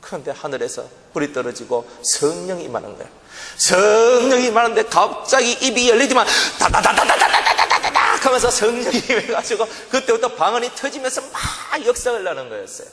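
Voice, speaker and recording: A man preaching with a Gyeongsang accent, his high voice swooping widely as he tells his testimony with great drama. He acts out his own past pleas. The voice rings with the long reverb of a church hall. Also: expressive, brisk, a bit bright. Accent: Gyeongsang Korean. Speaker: pastor. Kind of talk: sermon with vivid personal testimony. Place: church sanctuary.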